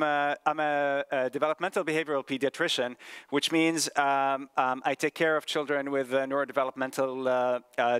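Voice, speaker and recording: Middle-aged man from Palestine, conference presenter, smooth resonant voice, stop-start delivery full of hesitations, dry close mic. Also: mid-range voice, a bit bright, no room sound. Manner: halting, many fillers and restarts. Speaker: pediatrician presenting at a medical conference.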